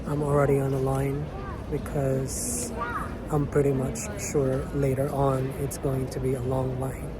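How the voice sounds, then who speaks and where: A man recording a casual travel vlog as a passenger, with loud travel noise around him. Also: mid-range voice, completely flat delivery, measured pace. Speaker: traveler vlogger. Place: airport and airplane cabin. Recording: loud airport and aircraft ambient noise.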